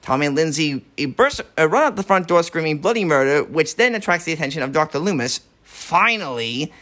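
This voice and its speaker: A man co-hosting a podcast, casually recapping a horror film, animated and swearing freely. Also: on the high side, brisk. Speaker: podcast co-host.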